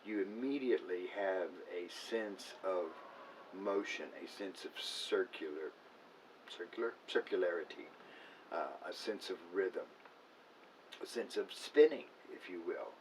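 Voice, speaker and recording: A man's voice: low voice, measured pace, a little mellow. A man who works as an acupuncturist, explaining a topic in an unscripted, casual way, with fillers and restarts. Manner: unscripted, self-correcting, with filler words. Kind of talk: casual educational talk. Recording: voice a bit far from the mic, faint room noise.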